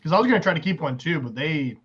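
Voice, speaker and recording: A man's voice: a little high, expressive, racing, fairly bright tone, slightly rough. A man chatting as a guest, easygoing and laughing often. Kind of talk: casual chat. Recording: dull lo-fi audio.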